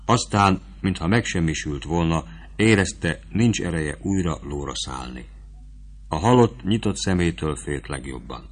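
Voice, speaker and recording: A man reading a novel aloud as a narrator, in a steady, measured storytelling voice. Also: low-pitched.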